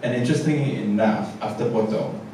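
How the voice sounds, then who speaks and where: On a large theatre stage after a show, a male theatre director speaks on a panel, reflective and hesitant, with many fillers and restarts. His mid-range voice moves briskly. The recording is echoey and distant, with noise.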